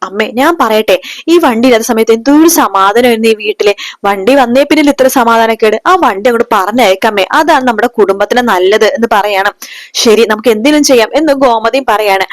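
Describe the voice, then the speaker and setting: Rapid chatty woman retelling a serial. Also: on the high side, no echo. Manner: chatty, voices the characters' lines as she retells. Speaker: serial recap narrator.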